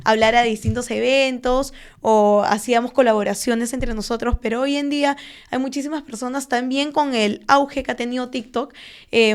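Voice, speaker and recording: A young woman, a stock trader and finance content creator, explaining things in a measured way with frequent fillers and tag questions during an interview. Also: a little high. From Peru. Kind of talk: conversational interview.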